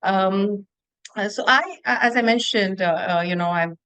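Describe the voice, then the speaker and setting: A woman's voice: medium pitch, normal speed, a bit bright, smooth, no echo, rough recording. A woman from Mumbai with an Indian accent, speaking earnestly as a guest on a podcast interview. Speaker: guest, financial coach.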